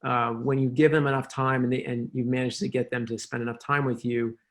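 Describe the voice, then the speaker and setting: A man with a mid-pitched voice speaks on a panel. He explains things in a calm, measured way, and his tone stays hopeful. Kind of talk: panel discussion.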